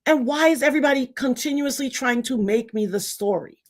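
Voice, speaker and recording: A woman's voice: high voice, a little fast. A middle-aged woman from Trinidad, raised in Brooklyn, with a Trinidadian Caribbean accent, ranting emphatically and indignantly on her livestream. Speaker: livestream host. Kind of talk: livestream commentary rant.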